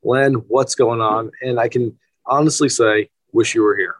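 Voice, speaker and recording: A man hosting a golf podcast in a hushed golf-commentator manner, speaking from a press building. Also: mid-range voice, steady tone, moderate pace, no echo.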